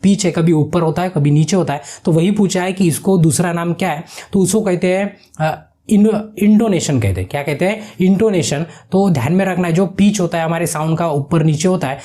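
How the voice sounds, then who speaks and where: A man with a high, mellow voice walks students through quiz answers. He keeps asking questions back to the viewer before giving each answer, in a patient, explanatory teaching manner. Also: a little fast. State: sweating from heat. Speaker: online exam-prep teacher.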